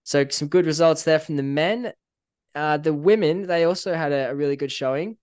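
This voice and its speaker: A Northern Irish man co-hosting a casual podcast, chatty and relaxed, with frequent fillers and small laughs. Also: on the high side, moderate pace, smooth, no echo, studio quality. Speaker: podcast co-host.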